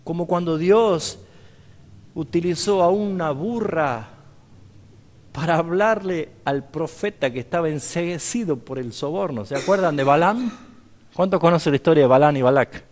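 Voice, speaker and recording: Argentine preacher, high voice, lively storyteller asking the room questions, long church-hall reverb. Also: male voice, normal speed. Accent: Argentine Spanish. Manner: storytelling, acting out dialogue, asks the audience questions. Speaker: pastor teaching a seminary class. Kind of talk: sermon-style Bible lesson.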